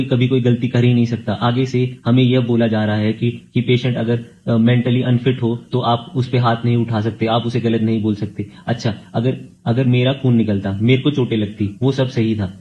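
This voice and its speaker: A man's voice: medium pitch, mellow, dull audio, a little hiss or hum. A man in his thirties, a senior resident doctor, giving an earnest, defensive recorded statement and repeating his phrases for emphasis.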